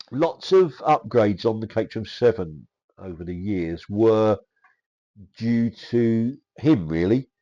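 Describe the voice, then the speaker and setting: A man with an English accent hosting a casual car history talk; his voice is raspy and slightly nasal from a cold, and he talks haltingly with many fillers and restarts. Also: fairly low pitch, warm tone, highs cut off. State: getting over a cold. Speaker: host.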